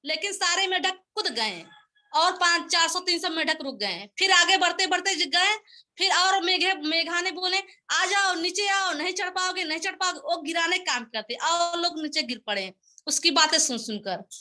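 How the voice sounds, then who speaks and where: A woman's voice: very high-pitched, animated, moderate pace, bright, forceful tone. A woman giving a motivational speech at a sales meeting, telling folksy parables and repeating her points to press them home. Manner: folksy, repetitive, exhorting.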